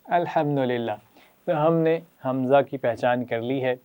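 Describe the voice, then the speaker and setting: A man's voice: medium pitch, clean tone, phone-quality sound. A man teaching children a Quran reading lesson with a Pakistani Urdu accent. He praises them often and leads them in repeating letters and sounds.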